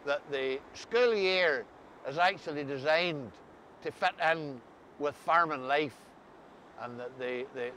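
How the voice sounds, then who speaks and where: A mature man with an Ulster Scots accent puts questions in a relaxed chat. His voice sits a little high and he halts and repeats words. Light outdoor noise sits behind him. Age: middle-aged or older. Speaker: interviewer. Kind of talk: casual interview chat. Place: outdoors on a grassy coastal path by the sea. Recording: faint outdoor ambient noise.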